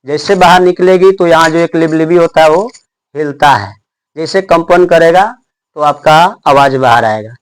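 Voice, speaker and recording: A young male teacher, giving a classroom lesson. He asks questions and answers them himself, and slows down to sound out each letter. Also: on the high side, smooth.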